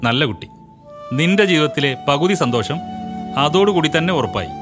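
A man's voice: on the high side, lively intonation, music in the background, lightly acted. A man playing a preachy elder brother. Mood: stern. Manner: preachy, measured lecturing. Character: earnest elder brother lecturing his sister. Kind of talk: home movie acting.

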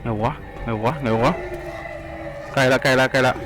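A man giving casual let's play commentary, excitable, swearing freely and repeating himself. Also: medium pitch, moderate pace. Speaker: gaming channel host. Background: game music and gunfire.

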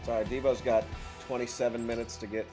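A mid-pitched man shouts and jokes his way through a shooter match over voice chat. He trash-talks enemies, and clear game music plays behind him. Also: fast talker. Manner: excitable, joking, trash-talking. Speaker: gamer on a live stream. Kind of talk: casual gaming banter.

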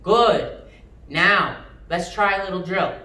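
Young male karate instructor, sharp commands, roomy sound. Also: high voice, slow. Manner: sharp, clipped martial arts commands. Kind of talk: instructional class for children. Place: mid-sized indoor karate studio with matted floor. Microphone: distant camera. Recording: roomy, distant microphone, background noise.

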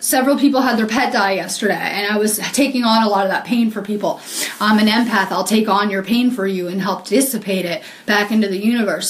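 A woman's voice: medium pitch, roomy sound. A woman healer talking casually to viewers on a live video, earnest and rambling with many ums and frequent laughs.

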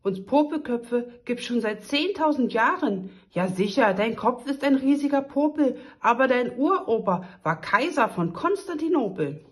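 A woman's voice: on the high side, lively intonation, a little slow, pitched above the performer's own voice. A woman reading a children's story aloud, voicing a pompous old king who lectures his daughter. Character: pompous old male king, fatherly and blustering.

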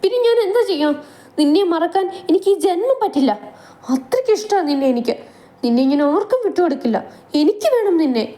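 A woman's voice: normal speed, mellow, close to an everyday voice. A woman voicing a possessive, tearful young woman who pleads and schemes, in a storybook reading. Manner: pleading, high and strained.

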